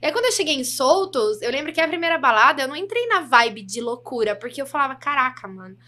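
Quick and high-voiced, this podcast guest from the São Paulo interior, a former reality show contestant, spins lively, candid stories in relaxed conversation, laughing often.

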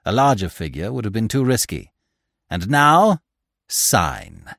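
A man's voice: fairly low pitch, very animated, a little slow, gravelly, fairly bright tone, dry recording, studio quality, pitched above the performer's own voice, exaggerated voice. A man reading aloud as a vengeful, scheming widow who gloats over her captive and stresses every syllable. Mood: cold menace.

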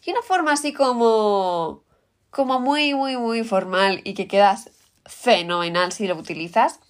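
This English teacher has a medium-pitched, animated voice and talks a little slowly. With her Peninsular Spanish accent, she cheerfully explains vocabulary and voices the example words in English during the lesson.

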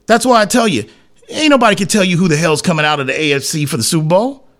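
Fast and animated, a man with a fairly high, slightly bright voice hosts sports talk. He pushes blunt opinions emphatically in colloquial slang, repeating phrases until they stick.

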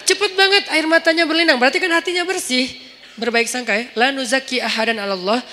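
Male preacher with a lilt, storytelling sermon, acts out voices, bright tone, echoing hall. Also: extremely high pitch, fast talker, slight background noise. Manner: animated, acts out dialogue with shifting voices. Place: large mosque hall. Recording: long hall reverb.

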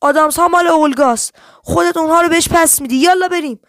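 Pushy kid detective, read by a woman, insistent, high pitched, dry. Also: lively intonation, vocal fry, dry recording. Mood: firm. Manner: firm and insistent. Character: firm, stubborn young private detective.

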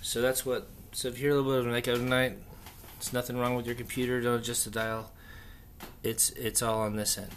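A man hosting a casual, unscripted solo hobby chat, thinking aloud haltingly in an echoey, stripped-out bunker room. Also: mid-range voice, flat delivery, a little hiss or hum. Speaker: podcast host. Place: echoey indoor room under renovation, torn-out walls.

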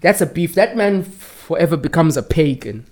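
A man's voice: a little high, lively intonation, moderate pace, a little mellow. A young man hosting a casual podcast, bantering in London roadman-style slang and repeating words for emphasis. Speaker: podcast host.

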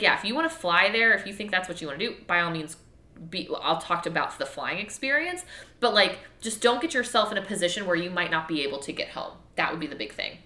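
Chatty woman from texas, swears a lot, low-ish voice but bright and forceful, kinda roomy echo. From Texas, USA. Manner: frank, chatty, swears freely. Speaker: vlogger. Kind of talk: casual chat to viewers. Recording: echoey room.

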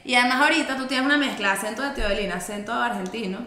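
A woman, co-hosting a casual chat and asking lively questions. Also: fairly high pitch, very fast, echoey room. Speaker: co-host.

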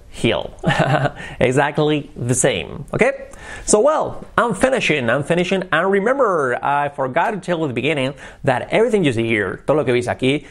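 Young man from Spain, Spanish accent, upbeat bilingual English tutor who spells words out slowly and repeats them. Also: mid-range voice. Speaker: English teacher. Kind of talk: bilingual vocabulary lesson.

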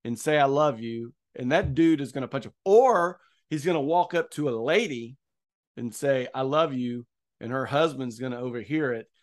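A man's voice: mid-range voice, moderate pace. A middle-aged man hosting a podcast in casual, joking chat with a longtime friend. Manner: joking, chatty, repeats phrases. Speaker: podcast host.

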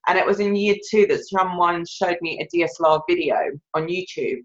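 A woman guest tells her career story in an animated, rambling way, often laughing at herself. Her voice comes through dull, slightly muffled remote-call audio. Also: on the low side, a little fast. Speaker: filmmaker and guest. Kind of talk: conversational interview storytelling.

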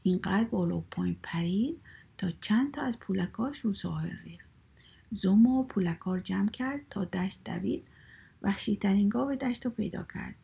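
Female storyteller for kids; soft half-whisper, husky and mellow. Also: medium pitch, animated. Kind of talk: children's story reading.

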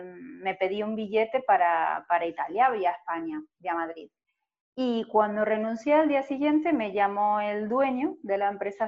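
Reflective woman in her forties, interviewee, mid-pitched voice on a slightly dull lo-fi recording. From Argentina. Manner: reflective, frequent "eh" hesitations. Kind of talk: personal storytelling in an interview.

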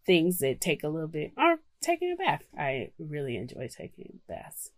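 A woman with a low voice talks informally as a podcast co-host. She moves between relaxed chat and reading out self-care advice, in a very dry sound with little room echo. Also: normal speed.

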